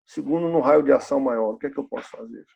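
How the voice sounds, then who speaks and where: A man's voice: medium pitch, quick pace, creaky, darkish tone, husky. A pastor in his fifties preaching a sermon in a church, asking the congregation rhetorical questions and repeating key phrases. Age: 50s.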